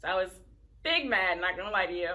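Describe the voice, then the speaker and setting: Bright-voiced young woman telling a storytime. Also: medium pitch, fast, low-quality recording. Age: young adult. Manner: animated, profane, rising to loud exasperation. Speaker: vlogger. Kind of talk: casual storytime monologue.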